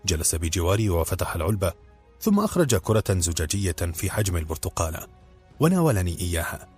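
A man reads a novel aloud in a steady, measured way, his voice very low and husky. Faint music sits quietly behind the narration. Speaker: audiobook narrator.

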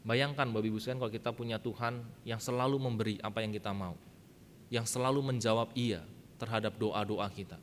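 A male pastor preaching a sermon, telling a childhood story in a lively way and often turning to address the congregation. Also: fairly quick. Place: church sanctuary. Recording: reverberant church hall with faint rumble.

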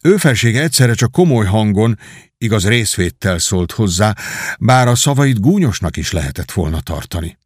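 A man reading an audiobook with measured storytelling, his low voice moving expressively through each sentence. The recording is dry and close, with no room sound. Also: animated, breathy edge, dry recording. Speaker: audiobook narrator.

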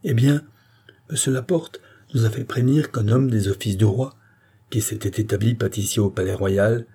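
A man's voice: mid-range voice, warm tone, husky. A man reading a storybook voices a devout, anxious young princess in an earnest, pleading tone.

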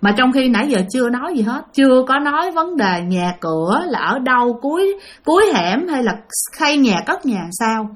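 A woman's voice: sits high, sing-song, moderate pace. A woman telling a ghost story in a chatty way, speaking straight to her listeners. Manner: chatty, addresses listeners directly. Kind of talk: spoken ghost-story narration.

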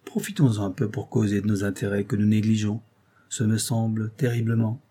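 A man reading an audiobook, voicing a gentle but firm young noblewoman in a raised, earnest voice. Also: fairly low pitch, fairly even intonation, fairly quick, lightly acted.

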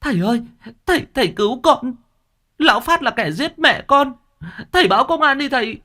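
A man's voice: very high voice, expressive, normal speed, pushed and bright, voice pushed up, exaggerated voice. A man voicing a furious, desperate young village woman who shrieks her accusations in a ghost story. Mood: pleading scream.

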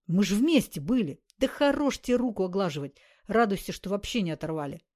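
A woman voicing a loud, boastful male gangster who talks in rough slang. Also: mid-range voice, sing-song, quick pace, natural voice. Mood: boisterous.

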